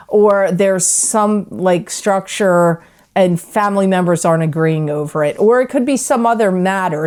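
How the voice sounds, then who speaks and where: A woman's voice: lowish voice, darkish tone. A middle-aged woman giving a casual tarot reading, rambling with many fillers and restarts. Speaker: psychic tarot reader.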